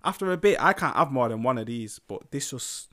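A man's voice: mid-range voice, animated, brisk, pushed and bright. A young man, chatting casually and in thick street slang as a musician being interviewed. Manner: slangy roadman talk. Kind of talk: casual chat.

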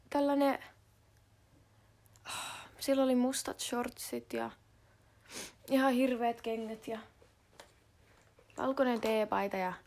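A Finnish teenage girl with a high-sitting voice talks in a casual, slangy, dramatic monologue, swearing often and swinging from whispers to loud outbursts. A little hiss or hum is audible.

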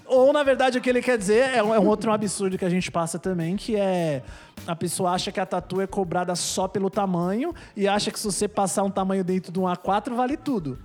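A man's voice: sits high, fast talker, faint music behind. A man, a podcast host, chatting casually and joking as he reads listener messages aloud. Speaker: podcast host, tattoo artist.

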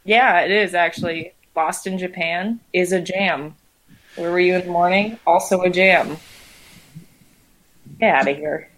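A woman's voice: fairly low pitch, a little slow, long pauses, fairly bright tone, slight background noise, rough recording. A woman in her twenties, chatting playfully and defensively as a podcast co-host among male friends. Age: 20s. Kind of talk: casual group chat.

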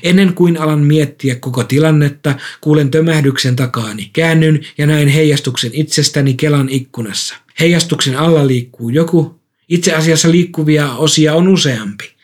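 A man reading a first-person story aloud in a calm, measured way. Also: fairly high pitch. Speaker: narrator.

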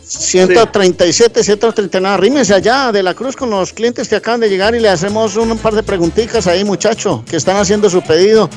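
A man's voice: high-pitched, a little fast, soft background music. A man co-hosting a live radio broadcast on location, enthusiastically describing the place. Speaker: on-site radio co-host.

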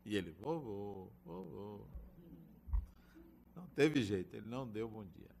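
A man's voice: fairly low pitch, lively intonation, fast talker, vocal fry, a little mellow, a little hiss or hum. Older man telling a family story. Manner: storytelling, acts out family dialogue. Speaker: speaker giving a spiritual talk. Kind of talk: spiritual talk with anecdotes.

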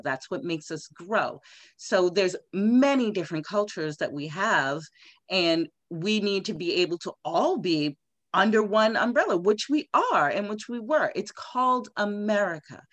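In this conversational interview, the guest is a woman congressional candidate. Her voice sits on the low side with no room sound, and she makes her points emphatically, animated, in quick bursts.

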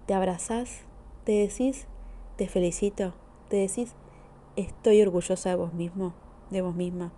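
A mellow-voiced woman with an Argentine accent hosts a self-help podcast. She speaks as a therapist in a gentle, encouraging monologue aimed straight at the listener. Her tone is soft and dark rather than bright. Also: fairly low pitch, fairly even intonation, unhurried, pauses often.

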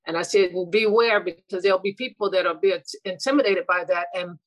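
Her voice is lowish and fairly quick as this middle-aged retired school administrator answers interview questions casually. She comes across earnest and reflective, often starting sentences over and laughing softly. The recording is rough, with no echo.

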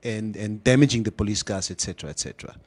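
A man's voice: on the low side, fast. A man hosting a casual, opinionated discussion, slipping in Afrikaans phrases. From South Africa. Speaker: talk show host.

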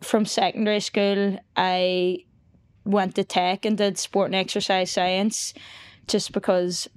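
A woman's voice: mid-range voice, level tone, takes it slowly, smooth. A young woman with a Donegal Irish accent, chatting casually as a podcast guest. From County Donegal, Ireland. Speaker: podcast guest, newly qualified fitness coach. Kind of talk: casual chat.

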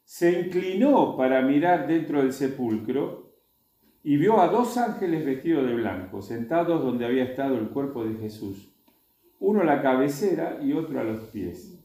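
Argentine male Bible teacher, warm low-bright voice, reads then explains, very echoey room. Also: lively intonation, moderate pace. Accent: Argentine Spanish. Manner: reads aloud, then stops to add plain explanations. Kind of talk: reading scripture and explaining to a group.

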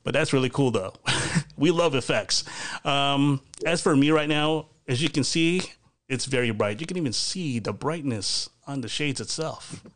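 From his bedroom, a man hosts a casual live video podcast over a video call, chatty and rambling with plenty of fillers and restarts. His voice is medium-pitched and a bit bright at normal speed.

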